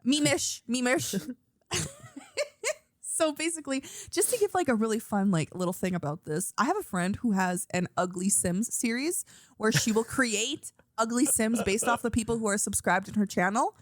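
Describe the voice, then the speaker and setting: A woman's voice: medium pitch, animated, moderate pace, no room sound, studio quality. A young woman co-hosting a casual podcast chat, bubbly and giggly, peppering her talk with "like". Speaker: podcast co-host.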